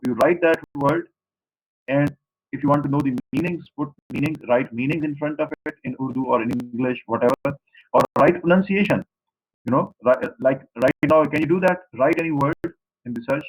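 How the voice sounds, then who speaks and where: A university lecturer from Pakistan, a native Saraiki speaker with a Pakistani accent, delivers an online class lecture, explaining and repeating his points while speaking directly to students. His voice is fairly high and brisk, and the recording is rough.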